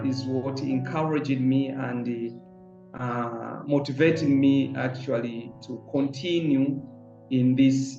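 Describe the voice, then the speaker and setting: A middle-aged man, a school founder speaking in a measured, earnest way with frequent pauses. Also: medium pitch. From Tanzania. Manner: measured and earnest, pausing often on fillers. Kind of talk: reflective interview testimony. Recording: roomy, slightly dull with soft music.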